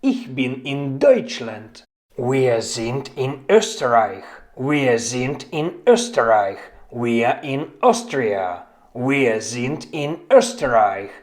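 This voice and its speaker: A woman teaching a language lesson, saying each phrase slowly and deliberately and repeating it. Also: very deep voice, lively intonation, darkish tone. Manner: slow, deliberate repetition of phrases. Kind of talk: scripted language lesson drill.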